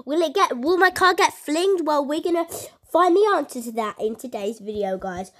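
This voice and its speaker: A woman's voice: sits high, lively intonation, normal speed. A young woman giving casual commentary on her gameplay, chatty, with many fillers and a constant "guys". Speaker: gaming YouTuber.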